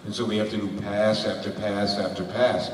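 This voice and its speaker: A man's voice: on the low side, level tone, brisk, recorded from a distance. Rambling man in an echoey hall. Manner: rambling, laughing, many restarts. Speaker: voice actor panelist. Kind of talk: convention panel Q&A. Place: large convention hall. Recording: echoey hall recorded from afar.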